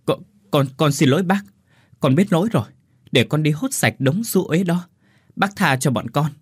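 A man's voice: a little high, expressive, normal speed, breathy edge, no echo, studio quality, voice pushed up. A man voicing a shy young woman who stammers out apologies in a story reading. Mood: pleading. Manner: stammering, pleading.

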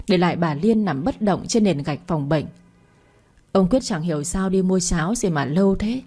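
A woman narrating a scripted audio story in a dramatic, measured way. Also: mid-range voice, mellow.

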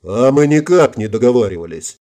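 A man's voice: mid-range voice, animated, a little fast, warm tone, natural voice. Man voicing a jittery young sidekick. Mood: sneering. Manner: jittery, sneering. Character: nervous young male thug's sidekick.

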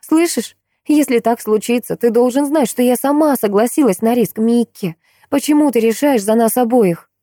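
A woman's voice: mid-range voice, fast talker, few pauses, warm tone, no room sound, clean studio sound, voice pushed up, close to an everyday voice. A woman voicing a passionate young woman who pleads and argues in a raised, trembling voice. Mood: desperate. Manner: raised, trembling pleas and angry outbursts.

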